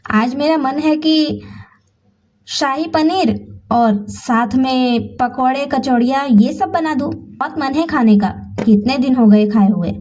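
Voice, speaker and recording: A woman's voice: high-pitched, slow pace, a little mellow. Fed-up young bahu, as a storyteller lady puts her on, talking back sarcastically, distant mic. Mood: eager. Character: young daughter-in-law, sassy and fed up.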